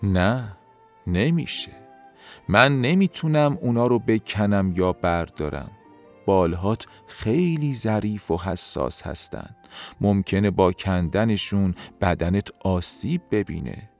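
A man voicing a calm, wise magical snail who speaks patiently and gently. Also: fairly low pitch, soft background music.

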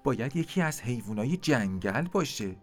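Brief: eager baby crow, put on by a male narrator, raised and lively. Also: mid-range voice, faint music behind, close to an everyday voice. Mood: curious. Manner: eager, questioning. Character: small curious baby crow.

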